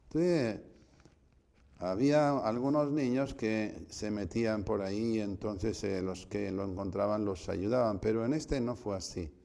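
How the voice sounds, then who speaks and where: A man, a priest, giving a spiritual retreat conference, telling stories and acting out voices with sudden shouts. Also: on the low side, unhurried, vocal fry. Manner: storytelling, acts out voices with loud shouts.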